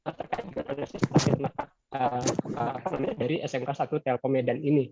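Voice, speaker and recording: A man presenting online to colleagues in a halting way, his voice choppy and breaking up robotically from a bad connection. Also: mid-range voice, fairly even intonation, vocal fry, heavy background noise. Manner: halting, with many fillers. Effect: choppy, breaking-up robotic audio from a bad connection. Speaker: presenter at a school staff meeting. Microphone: video call. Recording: dull lo-fi video call audio.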